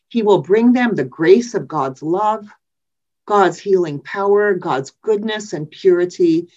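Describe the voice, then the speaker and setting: A woman preacher giving a sermon in a measured, reflective way, with thoughtful pauses. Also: lowish voice, darkish tone. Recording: dull lo-fi recording.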